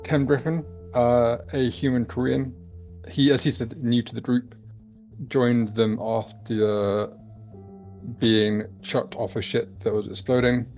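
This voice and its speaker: A man's voice: mid-range voice, little pitch movement, takes it slowly, darkish tone, faint music behind. Earnest man on a dull lo-fi line. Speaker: player. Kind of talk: casual character introduction.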